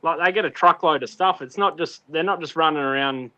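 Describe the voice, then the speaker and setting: A man's voice: fairly high pitch, brisk, pushed and bright, no echo, muffled recording. A man with an Australian accent chatting casually as a guest, in a blokey, sweary Aussie tradesman manner. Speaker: podcast guest, small business owner. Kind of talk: casual chat.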